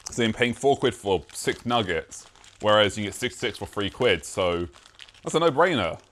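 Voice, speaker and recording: A man's voice: fairly low pitch, lively intonation, normal speed, fairly bright tone. A young British man talking casually to the camera in a vlog, rambling and self-mocking, with casual swearing. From Britain. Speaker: YouTuber.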